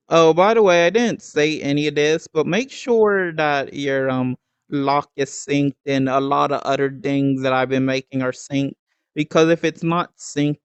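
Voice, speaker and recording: Slow, halting man with a dull mic. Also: mid-range voice, clean tone, no room sound. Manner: slow, halting, with many ums and restarts. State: hiccuping. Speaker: game tutorial creator. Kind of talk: screen-recorded game building tutorial.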